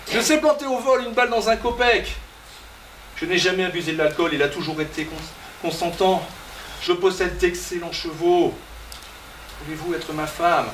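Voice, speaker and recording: A man's voice: high voice, moderate pace, a bit bright, slight background noise. A man acting as a lovestruck landowner on stage, stammering and impassioned, heard from far off in an echoey hall. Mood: pleading. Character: impulsive male landowner, proposing wildly. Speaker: stage actor.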